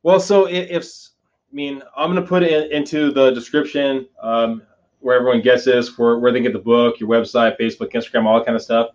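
A man's voice: medium pitch, fairly even intonation, a little fast, a little mellow, highs cut off. A man hosting a conversational interview podcast, rambling a little as he rephrases his questions. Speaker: podcast host.

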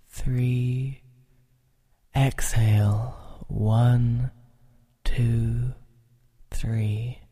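A man guides a relaxation session in an extremely slow, drawn-out delivery. His voice is very dark and mellow and stays almost level in pitch. He is calm and soothing, sometimes sinking into a soft whisper.

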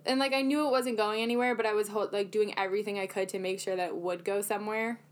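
Co-hosting a podcast, a young woman tells a dating story fast and chattily in a medium-pitched, fairly even voice, poking fun at herself and using plenty of fillers.

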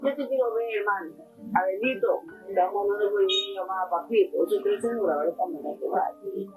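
A woman's voice: medium pitch, brisk, music in the background, poor audio. An older woman giving a rambling, breathless testimony as a grieving mother, calling the listener mamita and mijo. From Ecuador. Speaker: mother of a prison victim. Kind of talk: emotional testimony.

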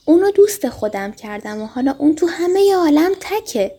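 A woman's voice: sits high, very animated, warm tone, voice pushed up. A woman voicing an earnest young boy prince in a storybook reading, speaking in a proud and insistent way.

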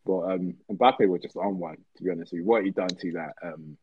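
A man in casual football chat, relaxed and rambling with many ums. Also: deep voice, fairly quick, lo-fi sound, a little hiss or hum. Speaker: podcast co-host.

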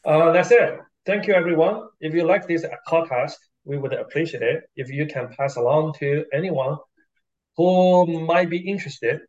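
Higher-pitched man, halting podcast host, dull sound. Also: a little mellow. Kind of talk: casual unscripted podcast talk.

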